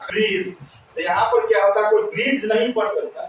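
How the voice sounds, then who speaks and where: An English teacher leads a classroom lesson, drilling students with repeated questions and call-and-response. His voice sits high with big pitch swings and a brisk pace. The room is echoey, the mic is far off, and there's slight background noise.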